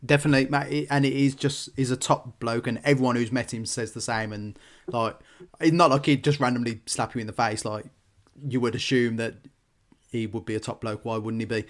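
A man's voice: fairly even intonation, fairly quick. A man co-hosting a casual podcast chat, telling anecdotes with laughs. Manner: chatty storyteller, laughs, puts on squeaky voices when quoting. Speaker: podcast co-host.

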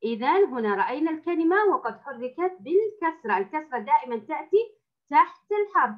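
A woman teaching a first-grade reading lesson, stretching out sounds and words slowly and repeating them patiently for young pupils. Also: high voice, sing-song. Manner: addresses the class as girls, with patient repetition. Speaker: primary school teacher. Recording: dull lo-fi recording.

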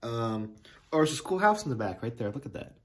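A man talks to the camera while reviewing a soda, excitable and rambling, tripping over restarts and fillers. His voice sits at an average pitch for a man. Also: fairly quick. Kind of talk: casual product review to camera.

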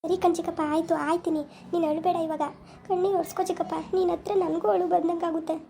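A woman as a gentle young village woman. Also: very high voice, little pitch movement, fast, a little hiss or hum. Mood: soothing. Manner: soft, soothing, pleading. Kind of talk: village family skit.

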